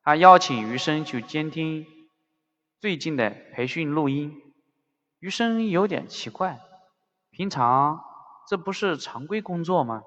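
A man narrating a novel in an even, scripted storytelling manner. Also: on the high side, a little slow, pauses often. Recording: dull audio with long reverb.

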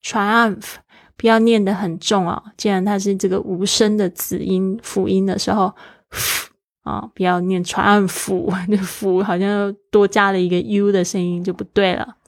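A woman's voice: mid-range voice, little pitch movement, normal speed, hardly any pauses, a little mellow, no room sound, studio quality. A woman teaching a daily English lesson, spelling words letter by letter in an encouraging way.

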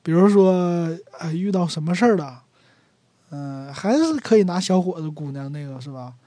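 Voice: medium pitch, dry recording. A speaker from Northeast China with a Northeastern Mandarin accent, casually explaining local dialect words and acting out example lines. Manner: explains slowly, then acts out example lines in a lively voice. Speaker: dialect teacher.

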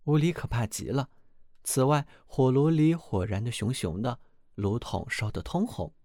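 Man, storybook narrator, gravelly, animated, dry recording. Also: medium pitch, moderate pace, no echo. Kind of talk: storybook reading aloud.

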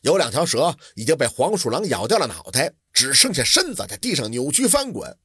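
Husky, lively male storyteller. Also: mid-range voice, fairly quick, no room sound, clean studio sound. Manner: dramatic, lively, vivid delivery. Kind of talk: traditional oral storytelling.

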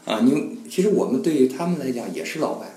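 讲故事很生动的男人，声音偏暗. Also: male voice, mid-range voice, fast talker, echoey room, rough recording. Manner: animated storyteller, acts out scenes with voices and sounds. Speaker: guest. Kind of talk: casual conversation.

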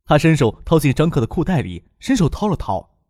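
A man narrating a novel as an audiobook narrator, with expressive storytelling. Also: fairly high pitch, a little fast, no echo, studio quality.

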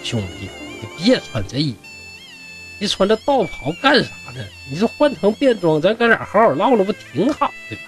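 A man's voice: sits high, sing-song, moderate pace, faint music behind, pitched above the performer's own voice. A man playing hearty scholar Zhou, Northeastern accent. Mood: pleading, hearty. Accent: Northeastern Mandarin. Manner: hearty, pleading, colloquial. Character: blunt, warm-hearted middle-aged scholar Zhou.

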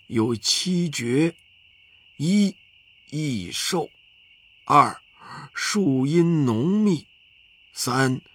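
A man's voice: on the high side, breathy edge, no echo, exaggerated voice. A man doing a sighing old village elder. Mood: explaining. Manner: sighing, drawn-out exclamations. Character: old village elder, timid but proud, male. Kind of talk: children's storybook narration.

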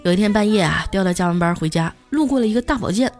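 A woman's voice: medium pitch, animated, quick pace, a little mellow, faint music behind. A woman host telling comic anecdotes in a chatty, scripted way. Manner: chatty, punchline-driven delivery. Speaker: comedy storyteller host. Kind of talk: scripted comedic storytelling.

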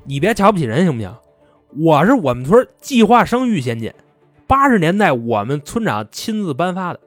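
A man puts on a petty village scoundrel, short and scheming, who wails like a victim. The voice jumps up high and shrill and leaps around wildly. It stays dry and close to the mic. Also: very animated, a little fast, fairly bright tone, no echo, faint music behind. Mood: indignant. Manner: shrill wailing, playing the victim.

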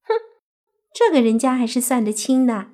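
A woman's voice: a little high, moderate pace, warm tone, lightly acted. Woman voicing a coaxing young fox-spirit girl. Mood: playful. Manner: whiny wheedling, cute pleading. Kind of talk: audiobook character acting.

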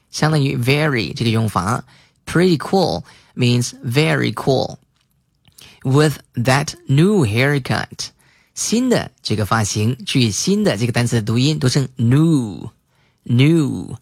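A man teaching English vocabulary, spelling words letter by letter and repeating example sentences slowly. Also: mid-range voice, no echo, clean studio sound. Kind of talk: spoken English lesson.

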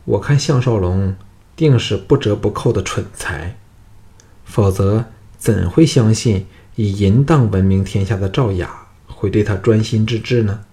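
A man's voice: lowish voice, measured pace, mellow. A man voicing a seductive, cunning captive noblewoman in an audiobook, speaking in a coy, coaxing way. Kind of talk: audiobook character voice.

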